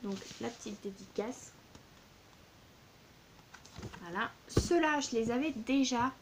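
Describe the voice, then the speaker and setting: A woman's voice: on the high side, takes it slowly, noisy background. A woman in her thirties, a book vlogger showing her purchases in a casual, gushing way, with many fillers and repeated words. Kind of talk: casual book haul vlog.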